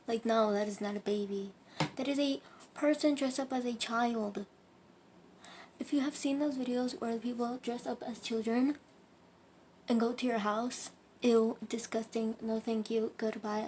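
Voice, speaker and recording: A woman's voice: a little high, steady tone, a little slow, a little mellow, slight background noise. A young woman giving casual reaction commentary, with dramatic, playful, exaggerated reactions. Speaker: reaction video host.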